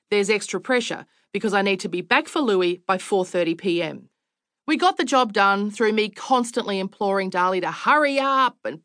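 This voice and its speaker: A woman's voice: medium pitch, a bit bright, no room sound, clean studio sound. A middle-aged Australian woman narrating her own audiobook memoir with wry, self-mocking storytelling. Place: recording studio.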